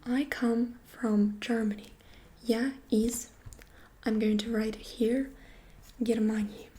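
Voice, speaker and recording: Slow, soft-whispering woman, ASMR lesson. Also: a little high, steady tone. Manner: soft whisper, repeats each phrase slowly; gentle, soft-spoken. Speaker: ASMR creator teaching phrases.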